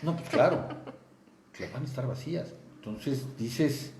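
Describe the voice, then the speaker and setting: A man's voice: a little high, expressive, normal speed, echoey room, a little hiss or hum. A man with a Mexican Spanish accent hosting a studio interview, chatty, cutting in and repeating words. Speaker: news show host.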